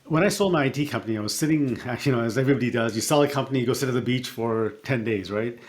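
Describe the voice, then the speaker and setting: A middle-aged man, a coach and podcast guest, telling a personal story in a reflective, halting way with fillers and restarts. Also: mid-range voice. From born in Africa, raised partly in Canada.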